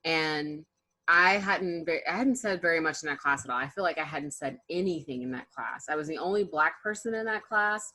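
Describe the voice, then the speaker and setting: A woman speaking in a slightly low voice at a panel discussion, telling an anecdote with animated energy. She laughs between phrases and often restarts her sentences. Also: normal speed.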